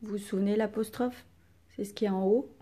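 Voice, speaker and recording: A woman's voice: mid-range voice, steady tone, a little fast, mellow, slightly rough. A woman teacher giving a dictation to young children, spelling out letters and sounds and stressing each syllable.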